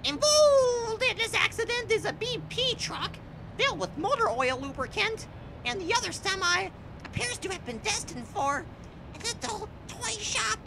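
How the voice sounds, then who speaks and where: A performer playing an excitable male field reporter in a cartoon news parody, exclaiming in a creaky, drawn-out way. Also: very high-pitched, background noise, exaggerated voice. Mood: excited reporting.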